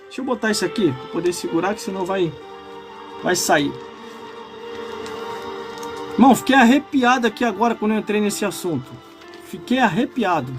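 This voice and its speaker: Brazilian pastor in his 40s, live-streamed sermon, pitched high, fervent and prone to shouting, quiet music underneath. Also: animated, moderate pace, long pauses. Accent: Brazilian Portuguese. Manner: impassioned preaching that swells into shouts, broken by chatty asides to viewers.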